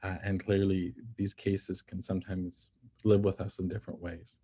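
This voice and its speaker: A NICU physician with a fairly low, mellow, slightly rough voice gives a steady, explanatory lecture on ethics. He often pauses to ask listeners whether they follow before moving on, keeping his delivery patient and methodical.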